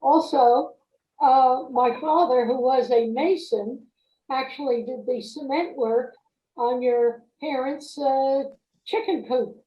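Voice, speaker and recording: A woman chatting politely and haltingly on a muffled, echoey video call. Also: sits high. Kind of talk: casual chat on a video call.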